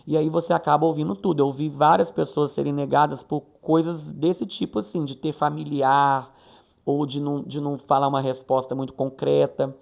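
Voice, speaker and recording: A man's voice: fairly high pitch, level tone, fairly quick, gravelly, a little mellow. A man from Brazil chatting casually in a vlog, retelling a conversation and acting out the quoted voices. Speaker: vlogger.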